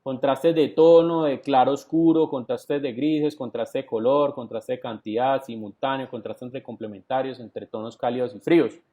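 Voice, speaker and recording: Warm and medium-pitched, a Colombian-accented man delivers a virtual lesson at normal speed with fairly even intonation and few pauses. He breaks things down step by step, says "entonces" a lot, and keeps checking in with "¿sí?". Recorded on a computer mic over a video call from home or an office, the audio is dull and lo-fi, like an online class.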